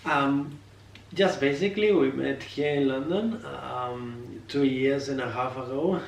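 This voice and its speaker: A young Spanish man with a Spanish accent chats casually on a vlog in a gravelly, mid-range voice, speaking a little slowly. He hesitates often while searching for words in his second language, using many filler sounds and apologizing for his English. The room is echoey, the mic is set far off, and there is faint noise.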